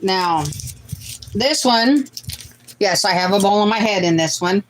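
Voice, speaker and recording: A woman's voice: medium pitch, animated, unhurried, slight background noise, rough recording. Chatty woman in her late forties reading comments. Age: late 40s. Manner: chatty, reads out comments and answers them. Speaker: host of a family cooking livestream. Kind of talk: casual livestream chat, reading viewer comments.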